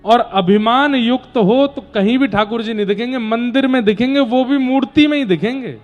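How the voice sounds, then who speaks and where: A man's voice: very high voice, normal speed, lo-fi sound, soft background music. A man giving a fervent devotional discourse, telling sacred stories and urging listeners to give up pride. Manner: fervent, exhorting, storytelling. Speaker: religious storyteller. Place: live religious gathering.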